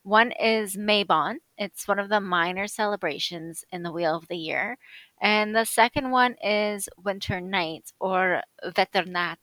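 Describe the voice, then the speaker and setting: Bright-voiced woman from Canada. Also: medium pitch, a little slow, no room sound. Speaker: guest. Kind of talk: casual podcast chat.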